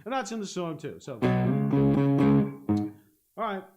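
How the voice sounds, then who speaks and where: A man with a fairly high voice leads a live-streamed guitar lesson. He breaks each part down patiently, often checks in with "okay?" and hums the rhythms. Loud guitar playing runs underneath his voice. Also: sing-song, measured pace. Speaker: guitar teacher. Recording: guitar playing loudly behind. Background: guitar playing and looper.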